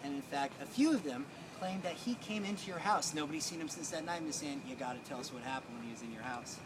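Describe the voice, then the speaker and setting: Male storyteller as polite investigator, gently suspicious, casual delivery, noisy outdoor recording. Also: fairly high pitch, fast talker, pitched below the performer's own voice, close to an everyday voice. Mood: politely suspicious. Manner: casual, coaxing. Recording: outdoor street noise.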